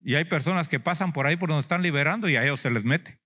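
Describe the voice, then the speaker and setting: A man's voice: on the high side, quick pace, pushed and bright. A man preaching a sermon as an apostle, questioning the congregation, prompting them with "mm?" and "ujú", and acting out lamenting believers in a whiny voice.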